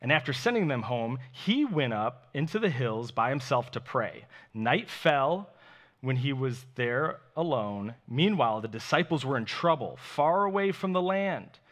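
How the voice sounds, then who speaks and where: A man preaching a sermon, reading scripture and retelling it with expressive storytelling and acted-out voices. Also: mid-range voice, unhurried. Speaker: pastor.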